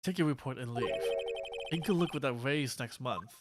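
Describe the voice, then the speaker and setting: A man's voice: mid-range voice, normal speed, heavy background noise, natural voice. A man voicing a stern, irritable, precise prosecutor from a video game, formal and curt. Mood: stern, annoyed. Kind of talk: reading video game dialogue aloud.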